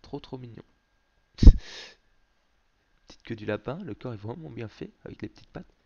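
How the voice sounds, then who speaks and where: Excitable man doing gameplay commentary. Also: mid-range voice, moderate pace, gravelly, lo-fi sound. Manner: excitable, swears often. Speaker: gaming video host.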